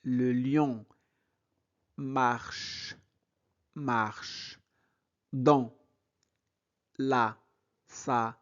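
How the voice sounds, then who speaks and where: Very slow, patient male reading teacher. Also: mid-range voice, darkish tone, lo-fi sound. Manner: very slow, syllable by syllable, repeating words. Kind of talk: slow reading lesson, spelling out sounds.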